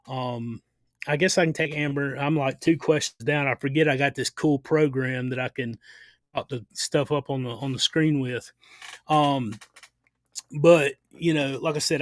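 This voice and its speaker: A man's voice: fairly high pitch, no room sound. A man hosting a casual live Q&A, giving plain-spoken advice in a rambling way, with many restarts and fillers. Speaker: livestream host answering viewer questions.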